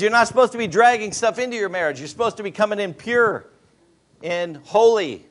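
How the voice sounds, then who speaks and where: A man's voice: high voice, a bit bright. A man in his fifties, a pastor, preaching a sermon with emphatic rhetorical questions to a congregation. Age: 50s.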